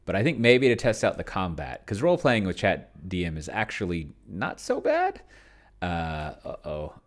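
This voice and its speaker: This man's low voice swoops wildly in pitch at a moderate pace as he plays a roleplaying game on his own for a video, giving casual commentary. Typing on a computer keyboard can be heard as he thinks aloud, muttering, trailing off, and drawing words out.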